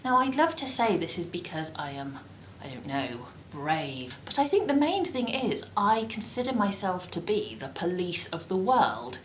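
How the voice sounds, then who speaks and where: A woman's voice: big pitch swings, moderate pace. A woman with a posh English accent vlogging in a chatty, self-mocking way. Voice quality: posh, high-voiced. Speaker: vlogger, freelance model. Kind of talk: casual talking-to-camera vlog. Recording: echoey room with faint noise.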